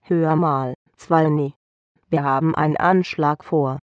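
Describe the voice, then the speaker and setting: A man's voice: fairly high pitch, fairly even intonation, slow pace, clear, resonant tone, no echo, muffled recording. A man voicing a woman who urgently coaxes a friend into helping with a scheme. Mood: coaxing. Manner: urgent, coaxing. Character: pleading woman plotting a scheme.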